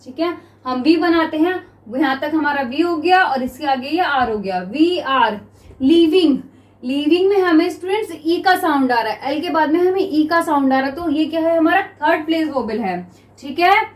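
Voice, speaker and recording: A woman's voice: sits high, animated, moderate pace. A woman with an Indian accent teaching shorthand to students, often checking if they understand and reading out sentences for dictation. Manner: coaching tone, repeats "clear?" and "students" often. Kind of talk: classroom lesson with slow dictation.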